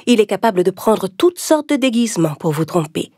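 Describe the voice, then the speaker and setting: A woman's voice: medium pitch, sing-song, fairly quick, husky, dry recording, clean studio sound. Une femme qui joue une maman chèvre douce et protectrice dans un dessin animé. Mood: prévenant. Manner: soft, protective. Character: gentle caring mother goat.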